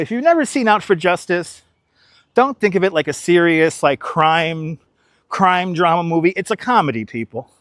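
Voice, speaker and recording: With a high voice, a young man from New York City livestreams as he walks city streets, casually voicing strong opinions directly to his viewers. His wireless clip-on mic yields a dry, studio-quality recording.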